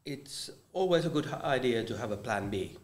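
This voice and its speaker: A man's voice: mid-range voice, animated, a little fast. A man from Finland, a guest on a panel, speaking casually with many hesitations. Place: live conference venue. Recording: roomy live event recording.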